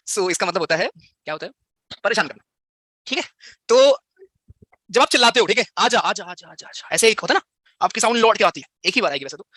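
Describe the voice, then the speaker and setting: A man's voice: sits high, pushed and bright, dry recording, clean studio sound. A young man teaching physics in a live online class, playful and teasing as he banters with his students.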